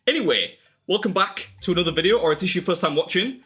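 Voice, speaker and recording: A man's voice: high-pitched, lively intonation, fast, fairly bright tone, husky. An English man hosting a food challenge video in a chatty, self-mocking style with wry asides. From England. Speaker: competitive eating video host. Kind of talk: casual vlog narration.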